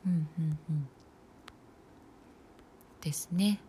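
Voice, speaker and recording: A young woman in her twenties talking casually and alone in a slightly low voice. She muses loosely as she goes, trailing off into fillers and small laughs. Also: takes it slowly, a little hiss or hum. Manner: musing, loose and chatty, with soft laughs and frequent fillers. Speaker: nursing student podcaster. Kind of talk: casual solo talk.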